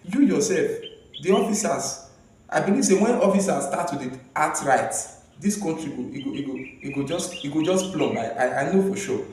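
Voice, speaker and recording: A Nigerian man with a fairly high voice chats in Nigerian Pidgin as co-host of a civic programme. The room rings with heavy echo, and he sounds set back from the microphone. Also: animated, moderate pace, a little mellow, a little hiss or hum. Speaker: co-host of a citizens' rights programme. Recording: very echoey room, distant from the mic.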